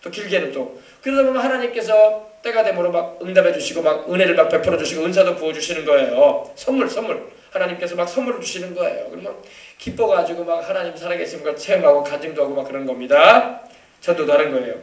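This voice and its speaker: A man pastor preaching a sermon with emphatic delivery, sometimes shouting and acting out quoted voices. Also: fairly high pitch, fast. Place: church sanctuary. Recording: echoey church, voice from a distance.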